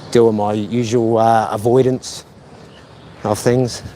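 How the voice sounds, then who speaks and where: A man's voice: on the low side, flat delivery, slow pace, dark tone, a little hiss or hum. A middle-aged man, live-streaming as he walks outdoors by a lake, chatting in a meandering, self-deprecating way full of fillers. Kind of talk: casual rambling live stream chat.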